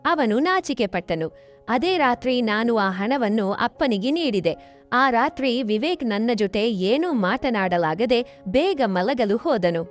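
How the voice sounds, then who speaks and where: A woman storyteller reading a scripted first-person family story in a steady storytelling delivery, with faint music behind. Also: a little high, a little slow.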